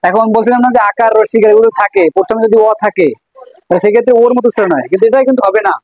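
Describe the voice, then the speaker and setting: A woman's voice: mid-range voice, rapid-fire, a little mellow, dry recording, low-quality recording. A woman teacher with a Bangladeshi Bengali accent, leading a classroom math lesson, asking questions and repeating answers.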